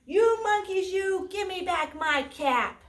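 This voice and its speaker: A woman voicing an angry male cap peddler who scolds and shouts demands at monkeys in a read-aloud storybook. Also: very high voice, steady tone, measured pace, reverberant, pitched above the performer's own voice, heavily acted. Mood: scolding. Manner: raised, scolding, finger-shaking demands.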